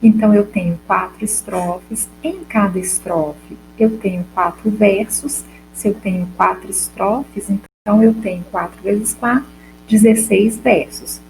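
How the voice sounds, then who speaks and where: A woman's voice: mid-range voice, vocal fry, dark tone, a little hiss or hum, low-quality recording. A Brazilian Portuguese-speaking woman teacher giving a recorded class lesson, explaining step by step and asking the class questions she then answers herself. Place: classroom or home for a school video lesson.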